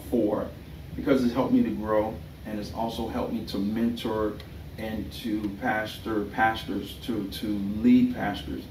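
A middle-aged man giving a thesis defense presentation in a hesitant, halting way, often rephrasing himself. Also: fairly low pitch, darkish tone. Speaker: doctoral candidate and pastor. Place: small indoor meeting room. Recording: roomy, distant mic with background noise.

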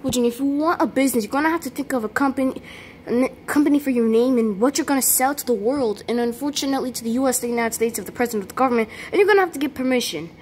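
A woman's voice: high-pitched, racing, a little mellow, a little hiss or hum, natural voice. A woman voicing a bossy male monster king who lectures his son at length, filmed on a handheld phone at home. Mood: lecturing. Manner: lecturing, rambling explanations. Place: home kitchen. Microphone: handheld phone camera.

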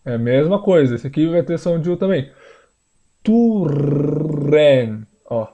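A man, teaching pronunciation in a screen-share lesson, repeating words slowly for learners. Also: fairly high pitch, lively intonation, mellow, muffled recording. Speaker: language teacher.

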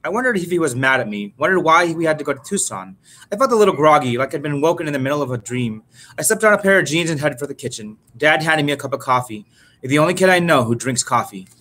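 A man reads a novel aloud at a quick clip, in a somewhat high, bright and forceful voice. His delivery is casual and upbeat, like a teacher sharing a book with a class. Now and then he trips over a word and simply starts it again. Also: lively intonation, a little hiss or hum. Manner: brisk and upbeat, with small stumbles and restarts.

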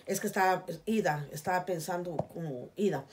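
Earnest middle-aged Guatemalan woman, low voice. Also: moderate pace, slight background noise. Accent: Guatemalan Spanish. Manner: earnest, pleading, repeats "please, guys". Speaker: vlogger. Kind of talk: casual heartfelt appeal to viewers. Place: small indoor room with curtains.

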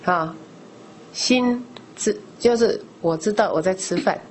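Speaking slowly at a medium pitch, a woman lay teacher gives a Buddhist class in a chatty lecture style. She explains by asking rhetorical questions and answering them, sprinkling in frequent discourse particles, while a faint hiss or hum runs underneath.

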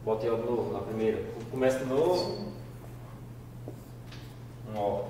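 A man's voice: medium pitch, expressive, a little slow, mellow, a little hiss or hum. A male student calling out brief answers from his seat in a university classroom. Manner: brief answers called out from the seats. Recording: distant, roomy lecture-hall pickup.

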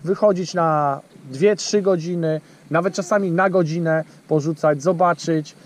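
Unhurried and fairly high-pitched, a chatty man hosts a fishing channel from a small boat on a lake. He talks straight to viewers in a casual vlog, using many fillers, recorded on an action camera on the boat.

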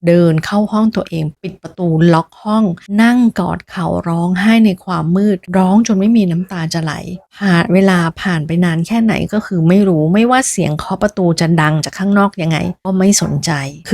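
A woman's voice: fairly low pitch, darkish tone, dry recording. A woman hosting a storytelling podcast, retelling a novel in a chatty, emotional way with gossipy asides.

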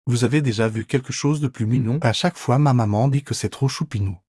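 A man's voice: medium pitch, brisk, a little mellow, husky, no echo, studio quality, close to an everyday voice. A man voicing a cheeky, boastful pet ferret in a playful, mock-dramatic comic voice-over.

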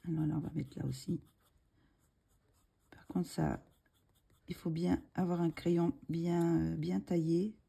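A woman's voice: fairly low pitch, flat delivery, a little slow, vocal fry, long pauses, warm tone, husky. A woman hosting a coloring tutorial, talking casually and hesitantly with many fillers and restarts, murmuring asides as she works, with a slight frog in her throat. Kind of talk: casual tutorial talk while drawing.

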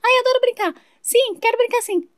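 Woman playing a super squeaky fast-talking neighbor lady, gushy and fawning, toy soap opera. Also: no echo, clean studio sound. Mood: gushing. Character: gushing, chatty adult woman neighbor.

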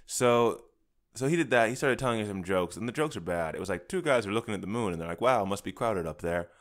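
A man's voice: fairly low pitch, expressive, fast. A man hosting a podcast, reviewing an old movie in casual chat, rambling and profane, acting out scenes sarcastically. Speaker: podcast host.

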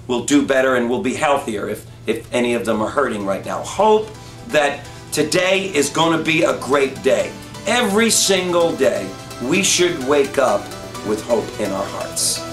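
A man's voice: medium pitch, fairly bright tone. Upbeat middle-aged man, roomy distant sound. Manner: upbeat, emphatic, talks with his hands. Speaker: motivational host. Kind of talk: scripted motivational talk. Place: room with bookshelves, indoors. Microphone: camera at a distance. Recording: roomy, distant mic with faint music.

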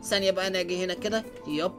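A young man with an Egyptian Arabic accent hosting an excited let's-play commentary, dropping English exclamations as he plays. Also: high-pitched, rapid-fire. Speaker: gaming channel host. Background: faint background music.

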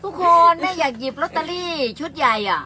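A woman's voice: sits high, big pitch swings, a little fast. An older woman with an Isan accent hosts a rambling, folksy livestream and calls her viewers her children. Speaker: livestream host. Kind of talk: casual livestream chat. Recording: loud road and car noise. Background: car noise.

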